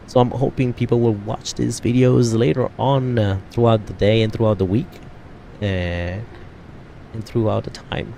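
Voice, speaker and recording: A man's voice: on the low side, dark tone, a little hiss or hum. A man from Italy, chatting casually on a flight sim stream, rambling and correcting himself often. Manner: rambling, many fillers and self-corrections. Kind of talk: casual live-stream chat.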